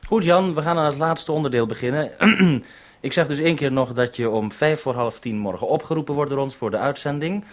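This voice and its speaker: Speaking fairly quickly in a fairly high voice, a man serves as base operator, a radio programme maker running two-way radio procedure. He follows call procedure and repeats phrases to make sure he's understood.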